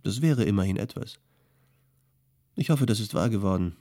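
A male audiobook reader voicing a settled young potter who calmly gives practical advice. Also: on the low side, moderate pace, no room sound, studio quality. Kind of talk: audiobook character voice.

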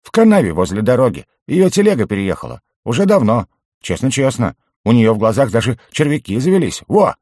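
A man voicing an excitable, mischievous young male goblin jester in an audiobook, squealing and bouncy. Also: mid-range voice, brisk, no echo, studio quality, pitched above the performer's own voice. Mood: gleeful.

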